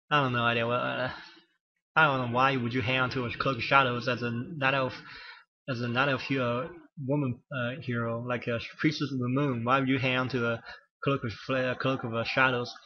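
Commentating alone on a strategy game, this mid-range male voice is losing its strength. His talk wanders, full of self-corrections and filler words, and the audio sounds dull.

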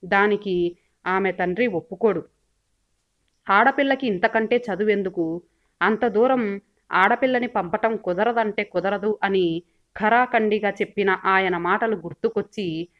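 A woman reading a story aloud as an audiobook narrator, in a steady, expressive way. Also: mid-range voice. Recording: dull lo-fi recording.

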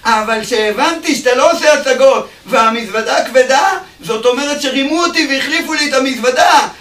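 A man's voice: a little high, expressive, gravelly. A man voicing a wealthy middle-aged diamond merchant who has lost everything, exclaiming in a rising voice. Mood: distraught. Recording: echoey room, distant mic.

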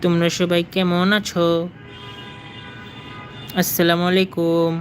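A man's voice: high voice, completely flat delivery, slow, a little hiss or hum. A man chatting casually and playfully with his pets, coaxing and teasing them with lots of repeated phrases. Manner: coaxing, repetitive pet talk. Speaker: pet vlogger.

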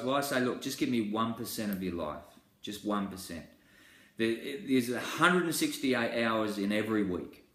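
A man in his forties teaches a small-group course, earnest and conversational, often restarting his sentences. His voice sits at a middle pitch. The room around him rings with noticeable echo. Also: fairly bright tone. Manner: earnest, gestures a lot, restarts with fillers. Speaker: course presenter. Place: indoor room with wall pictures.

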